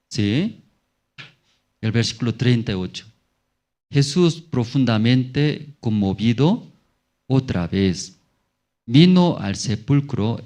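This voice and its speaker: Slow, lively-voiced man preaching. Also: mid-range voice. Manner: asks the congregation many questions, slow and lively. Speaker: pastor. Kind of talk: Sunday sermon with call-and-response. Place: church.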